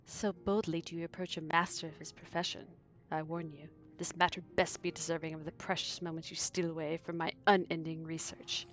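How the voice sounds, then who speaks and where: A woman's voice: deep voice, flat delivery, fairly quick, few pauses, pitched below the performer's own voice, close to an everyday voice. A woman voicing a haughty male alchemist guildmaster who speaks in pompous, old-fashioned phrases.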